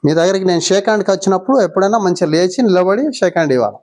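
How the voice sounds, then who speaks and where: A woman's voice: on the low side, expressive, racing, darkish tone. A woman with a Telangana Telugu accent teaching young schoolchildren in a classroom, coaxing them with many short questions. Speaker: visiting mindfulness teacher.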